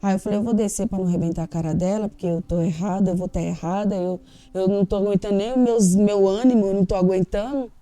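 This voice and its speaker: A woman's voice: mid-range voice, steady tone, fast talker, dark tone. A Brazilian Portuguese-speaking woman giving an emotional, candid personal testimony in an interview, acting out the dialogue she quotes.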